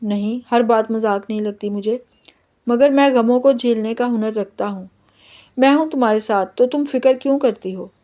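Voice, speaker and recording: Teasing stubborn young husband, woman reading him, soft mellow voice, bit lo-fi. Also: fairly high pitch, moderate pace, close to an everyday voice.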